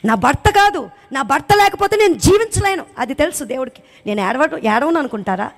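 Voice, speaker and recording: A church speaker, a woman recently widowed, delivers a passionate testimony sermon to her congregation. Her voice climbs high and loud on points of emphasis, and she poses many rhetorical questions. The delivery is brisk, with lively intonation.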